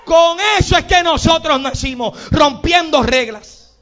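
A man with a Puerto Rican accent preaching a sermon as pastor, animated and acting out little scenes with sudden shouts. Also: very high-pitched, a little slow. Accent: Puerto Rican Spanish. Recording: dull lo-fi sound.

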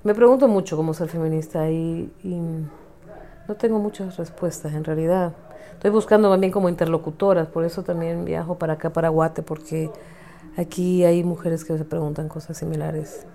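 A middle-aged woman from Honduras with a low voice talks in an unhurried, reflective way, often restarting her sentences and checking in with tag questions. She sounds like a guest in a thoughtful conversational interview. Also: steady tone, mellow. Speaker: interview guest, feminist activist and writer.

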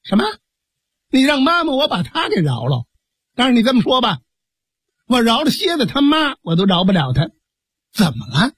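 A fierce, scheming innkeeper woman scolds in a husky voice, as a male storyteller puts her on. Her pitch leaps about with every complaint, and the sound is close and dry. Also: huge pitch swings, normal speed, pauses often, fairly bright tone, no echo, heavily acted. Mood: indignant. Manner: scolding, indignant. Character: scheming, fierce middle-aged female innkeeper.

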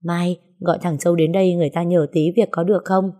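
Gruff middle-aged man voiced by a woman, blunt, curt, low, mellow tone, audio story. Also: little pitch movement, fast talker, close to an everyday voice.

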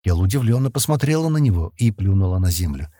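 Husky expressive male audiobook narrator. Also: sits low, fast, dry recording, studio quality.

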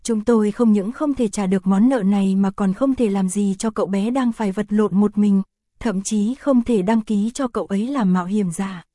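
A woman narrating a fantasy novel as an audiobook, in a steady, even storytelling read. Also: medium pitch, moderate pace, no echo, studio quality.

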